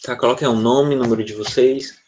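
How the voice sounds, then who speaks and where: Brazilian guy teaching english online, explains slowly step by step, keeps asking if the kids got it. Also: mid-range voice, fairly even intonation, darkish tone, a little hiss or hum. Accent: Brazilian Portuguese. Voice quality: explains step by step, checking in with "tá?" often. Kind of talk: online class lecture.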